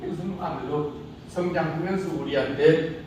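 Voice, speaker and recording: Heard from a distance in an echoey room over a noisy background, a middle-aged speech teacher jokes around with his class. His fairly high-pitched voice moves at normal speed as he lectures loosely and teases the students with rhetorical questions.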